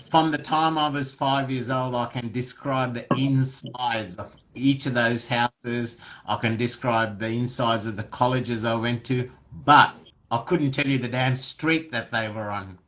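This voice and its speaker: A man's voice: mid-range voice, measured pace, a bit bright, poor audio. Conversational male podcast host. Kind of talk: casual interview conversation.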